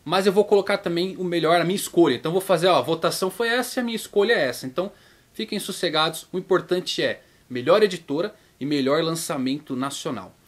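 A Brazilian man with a Brazilian Portuguese accent hosts his YouTube manga vlog, chatting casually at a quick pace. He acts out viewers' questions in a higher voice.

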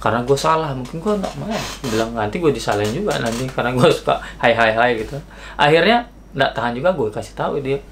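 Young man, vlogger, slangy, lively storyteller, middle pitch, slight hiss behind. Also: quick pace. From Indonesia. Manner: slangy, animated, acts out quoted dialogue. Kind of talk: casual storytelling vlog.

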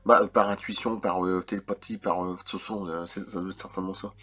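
A man's voice: low voice, steady tone, a little fast, pushed and bright, husky. A man reading a transcript aloud and breaking off into dry, sarcastic side comments, as a podcast host.

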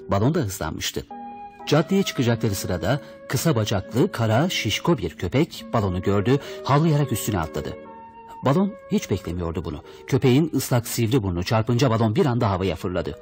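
A man's voice: fairly low pitch, big pitch swings, normal speed, over music. A man reading a children's story aloud, expressively voicing the characters' lines. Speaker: audiobook reader. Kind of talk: storybook narration.

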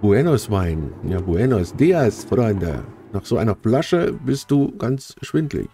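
A man giving chatty, casual commentary while playing a game, talking straight to his viewers and getting easily excited. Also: lowish voice, slow, soft background music. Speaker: let's play host.

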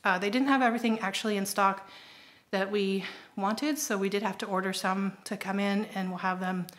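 A woman's voice: medium pitch, steady tone, normal speed, a bit bright. A middle-aged woman chatting casually through a home renovation update, pointing things out with frequent ums, filmed on a handheld phone in a kitchen. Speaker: homestead vlogger. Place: kitchen under renovation, indoors. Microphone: handheld phone camera at arm's length.

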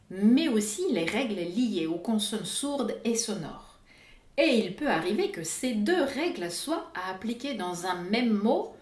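Slow, lively high-voiced woman teacher. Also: echoey room. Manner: slow, careful over-articulation of example words. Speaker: Russian pronunciation teacher. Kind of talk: explanatory lesson.

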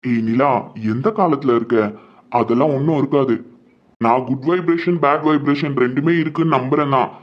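A young man playing a caring older brother, who talks calmly and reassuringly to his worried sister in a web drama. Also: mid-range voice, highs cut off, lightly acted. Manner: reassuring, calm.

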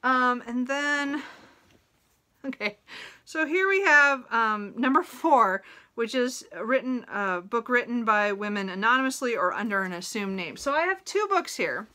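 Speaking unhurriedly with lively intonation, a thirty-something woman has a higher, pushed and bright voice. She's a book vlogger in a small room at home, casually telling the camera about a reading list. She rambles, interrupts herself often, and chuckles while talking.

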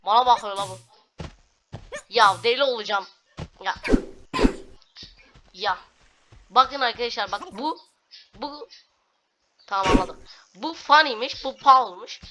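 A woman's voice: a little high, unhurried, long pauses, noisy background. A woman hosting a let's play, grumbling and complaining in a casual, exasperated way while she plays. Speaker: gaming video host. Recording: loud background game music.

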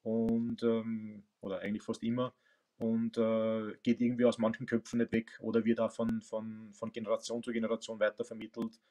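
A man's voice: on the low side, monotone, normal speed, warm tone. A man in his forties with an Austrian accent, a coach and teacher, talking thoughtfully on a video call from his home, with many fillers and restarts. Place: home room with bookshelves. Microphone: webcam on video call.

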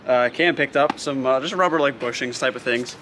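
A man's voice: mid-range voice, brisk, fairly bright tone, a little hiss or hum. A young man from the Boston area with a Boston accent, chatting and teasing his friend while installing car parts. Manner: joking, bossy, bursts of teasing. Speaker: car vlogger. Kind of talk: casual chat while working on a car.

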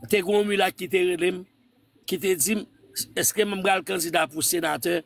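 A man's voice: high-pitched, steady tone, moderate pace, vocal fry, a bit bright. A man from Haiti hosting a live stream, insistently cutting in and lecturing a caller with scripture. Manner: insistent, repeats words to cut in; preachy, quotes scripture. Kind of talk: heated live call-in debate.

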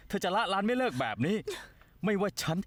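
An actor dubbing an arrogant, short-tempered young rock star who talks curtly and dismissively, for a TV drama. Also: male voice, high voice, animated, fairly quick. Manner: curt, dismissive.

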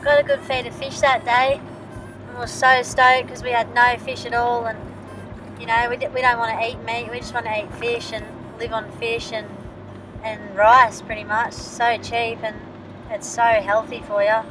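A woman's voice: a little high, level tone, normal speed, music in the background, poor audio. A young woman talking casually and easily about their trip and the food they catch. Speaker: vlogger on a fishing trip. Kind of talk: casual travel talk.

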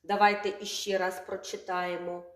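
A woman teaching young children their first letter sounds, stretching words out slowly and asking the class questions. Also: mid-range voice, flat delivery, fairly bright tone. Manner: slow, drawn-out sounds, asks children questions. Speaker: kindergarten teacher. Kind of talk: literacy lesson for young children. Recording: echoey room, from far off.

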